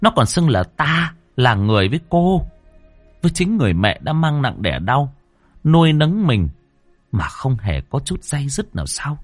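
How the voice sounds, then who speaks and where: Man reading a spooky story, low voice, really animated, dry close mic. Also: normal speed, no echo, soft background music. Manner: expressive, dramatic storytelling. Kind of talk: ghost story narration.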